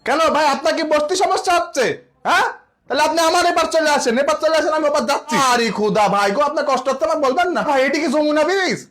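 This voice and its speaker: A man performing a loud, brash bus passenger in a comedy skit, complaining nonstop and chatting on his phone. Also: extremely high pitch, racing. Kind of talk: comedic sketch acting.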